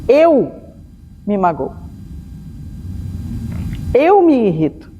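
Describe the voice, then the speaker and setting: A woman's voice: fairly high pitch, sing-song, extremely slow, dark tone, in a large hall, highs cut off, slight background noise. Storytelling Brazilian woman giving a lecture. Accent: Brazilian Portuguese. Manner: storytelling, acts out dialogue. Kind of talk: spiritual lecture.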